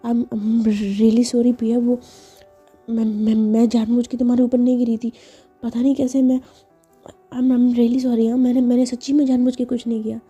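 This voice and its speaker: A woman voicing a flustered young woman in love, who stammers and rushes her words. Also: fairly high pitch, level tone, dark tone, husky, highs cut off, faint music behind. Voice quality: stammering, rushed when nervous.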